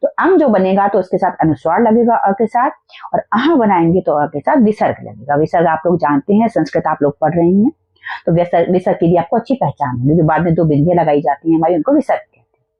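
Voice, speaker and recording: A woman teacher explaining a school lesson, patiently repeating syllables slowly for her students. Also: fairly low pitch, expressive, husky. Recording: tinny phone-like recording.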